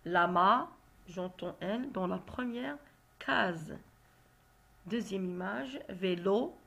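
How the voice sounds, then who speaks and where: A woman teacher walks young pupils through reading exercises, stretching out each word and syllable so they can follow. She speaks at a slow, measured pace in a mid-pitched voice, with the patient, deliberate delivery of a classroom lesson. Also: gravelly, a bit bright. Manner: slow, careful, spells out syllables. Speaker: primary school teacher.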